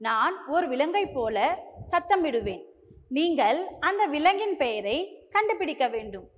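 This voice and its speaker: Woman teacher, Tamil accent, very high voice, coaxing young kids, long hall echo. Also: very animated. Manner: slow, coaxing, repeats each line in two languages. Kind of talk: bilingual classroom lesson for young children.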